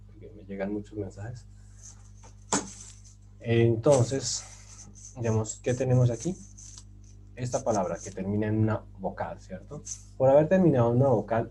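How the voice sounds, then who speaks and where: Male language teacher, warm mellow voice, patient, filler-heavy explanations, faint hiss behind. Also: medium pitch, rough recording. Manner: patient, rhetorical questions, many fillers. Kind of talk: explaining grammar at a whiteboard. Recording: faint background noise.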